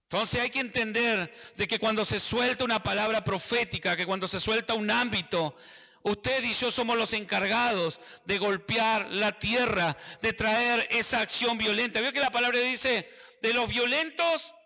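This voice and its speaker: A man's voice: high voice, normal speed, pushed and bright, in a large hall, muffled recording. A man with an Argentine accent preaching a sermon, emphatic and repetitive, speaking straight to his listeners. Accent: Argentine Spanish. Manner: emphatic, repeats phrases, addresses listeners directly.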